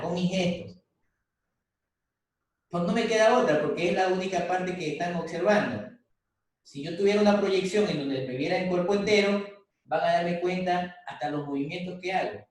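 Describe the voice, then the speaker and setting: A man with an Ecuadorian Spanish accent giving an informal, advice-filled university lecture over a video call. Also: high-pitched. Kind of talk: online class lecture. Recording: echoey video-call audio from far off.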